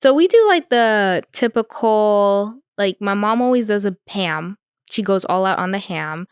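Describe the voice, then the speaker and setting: Smooth-voiced young woman, casual and chatty. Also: medium pitch, fairly even intonation, measured pace, no echo, studio quality. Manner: chatty, lots of "like" and "um" fillers. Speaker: podcast co-host. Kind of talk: casual chat.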